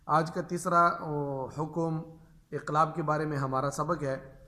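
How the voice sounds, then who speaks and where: Bright-voiced man teaching Quran reading. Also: on the high side, steady tone. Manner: patient, repeats each rule and drawls examples slowly. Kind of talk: explaining tajweed rules to teachers.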